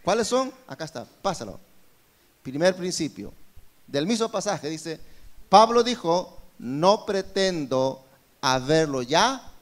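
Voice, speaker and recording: A man with a Peruvian Spanish accent preaching a sermon at a church service, asking his congregation rhetorical questions. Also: sits high. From Peru. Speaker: pastor.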